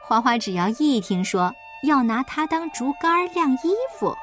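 A woman narrating a children's story in an expressive, lilting storyteller's manner. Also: a little high, moderate pace, faint music behind.

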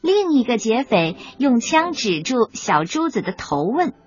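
A woman narrating a children's storybook in a lively, expressive reading. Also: on the high side, unhurried. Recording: dull lo-fi recording, faint music.

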